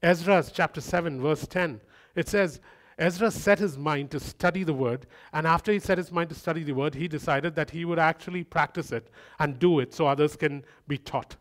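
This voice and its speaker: A man's voice: fairly high pitch, normal speed. A man preaching a sermon in a conversational way, with humorous asides and repeated phrases that build up.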